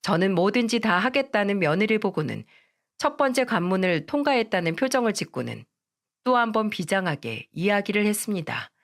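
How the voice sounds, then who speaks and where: A woman narrating a first-person radio story in a calm, measured way. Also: medium pitch.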